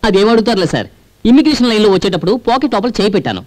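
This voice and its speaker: A man's voice: sits high, sing-song, racing, rough recording. An actor playing a cocky, wisecracking young man in a film comedy scene. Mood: cheeky. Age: young adult. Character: cheeky young man, boastful joker. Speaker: friend's son visiting an older man.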